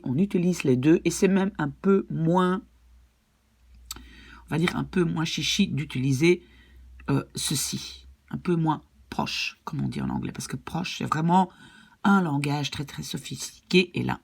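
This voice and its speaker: A woman's voice: deep voice, measured pace, vocal fry, breathy edge. A woman language teacher patiently explaining grammar rules and often checking that her students follow.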